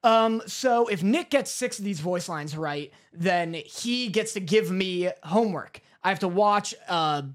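A man's voice: sits high, lively intonation, a little slow, few pauses. A man co-hosting a podcast in casual chat, acting as quizmaster for his friend. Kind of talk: casual chat, running a quiz.

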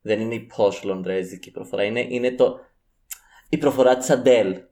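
Relaxed young man chatting. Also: lowish voice. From Cyprus. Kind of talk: casual chat.

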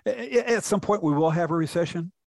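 A man's voice: high-pitched, expressive, brisk, gravelly, no room sound, studio quality. A middle-aged man from Houston, a chief economist, explaining reports in a conversational podcast interview with frequent restarts. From Houston, Texas.

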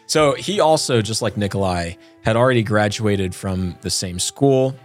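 A man's voice: fairly low pitch, lively intonation, normal speed, soft background music. A man co-hosting a podcast, telling a story in a chatty, joking way. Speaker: podcast co-host. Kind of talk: casual chat.

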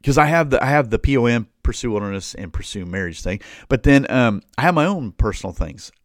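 A man's voice: medium pitch, expressive, brisk, dry recording, clean studio sound. A man hosting a podcast, teaching a Bible passage in an informal, conversational way, often repeating himself and acting out the people he quotes. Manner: conversational, repeats phrases, acts out quoted dialogue.

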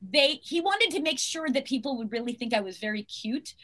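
A woman, an actress guest, telling anecdotes in an excitable, rambling way and laughing often. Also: high voice, brisk.

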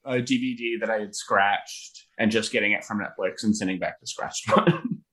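A man's voice: fairly low pitch, steady tone, moderate pace, a bit bright, rough recording. A man chatting casually on a podcast about films, enthusiastic with wry asides. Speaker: podcast host. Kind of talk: casual film discussion chat.

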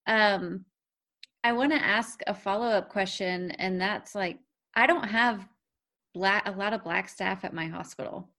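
A woman hosting a conversational discussion, speaking earnestly and haltingly as she works out her thoughts. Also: medium pitch, bright, forceful tone.

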